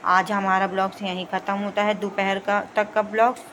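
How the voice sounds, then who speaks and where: A woman's voice: mid-range voice, level tone, brisk, fairly bright tone, slight background noise. A young woman narrating her home vlog in a casual, chatty running commentary on her family's daily routine. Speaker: vlogger.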